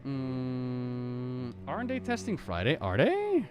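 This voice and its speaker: A man giving casual live gaming commentary as a streamer, thinking aloud in a halting way with repeated words. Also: mid-range voice, wildly swooping pitch, music in the background. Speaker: game streamer.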